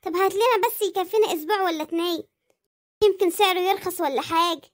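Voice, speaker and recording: Woman voicing a shrill fretful Egyptian housewife. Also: fast. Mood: fretting. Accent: Egyptian Arabic. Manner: nagging, dramatic, lamenting. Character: chatty fretful Egyptian housewife, middle-aged. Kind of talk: comic cartoon voice acting.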